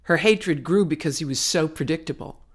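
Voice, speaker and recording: Her voice sits low and sounds husky as she narrates her own novel for an audiobook at a normal speed. The scripted reading is dramatic, with slangy, clipped wording.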